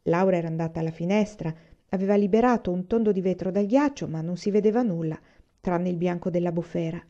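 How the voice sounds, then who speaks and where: A woman narrating a novel aloud in calm, even storytelling. Her voice is warm and mellow. The recording sounds slightly dull and lo-fi. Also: lowish voice, fast talker. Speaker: reader. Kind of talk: audiobook narration.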